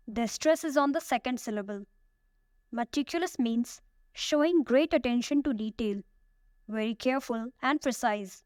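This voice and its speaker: Woman with a smooth, crisp teaching voice. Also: on the high side, dry recording, clean studio sound. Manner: slow, careful word-by-word pronunciation drills. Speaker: vocabulary teacher. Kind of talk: scripted vocabulary lesson.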